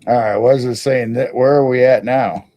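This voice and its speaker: A man hosting a casual live stream, thinking aloud in halting starts while studying something on his monitor. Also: mid-range voice, fairly even intonation, highs cut off. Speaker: stream host.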